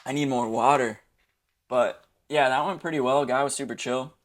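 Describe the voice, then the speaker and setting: A young man with a dry throat, making casual, friendly cold calls to pitch his videography business, a little hesitant. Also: steady tone, normal speed. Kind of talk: casual phone sales calls and commentary.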